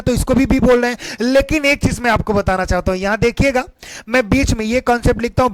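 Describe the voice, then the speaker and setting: A man with a Hindi accent teaching an English pronunciation lesson online, energetic and repeating key points back to his students as questions. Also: extremely high pitch, a little hiss or hum, rough recording.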